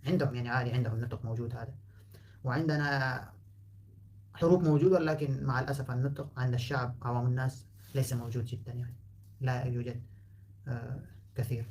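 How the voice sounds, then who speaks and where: A man's voice: mid-range voice, fairly even intonation, fast, pauses often, a little mellow. Man teaching, Pashto native. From Afghanistan. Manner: explains patiently, repeats words to show pronunciation. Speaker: language teacher. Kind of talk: casual spoken lesson.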